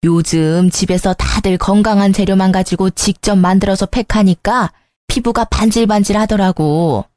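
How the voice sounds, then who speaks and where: A woman's voice: medium pitch, moderate pace, a little mellow, no room sound, close to an everyday voice. A woman voicing a vain, bad-tempered older mother-in-law who scolds and makes demands, in an acted story. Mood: bossy. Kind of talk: storytelling voice acting.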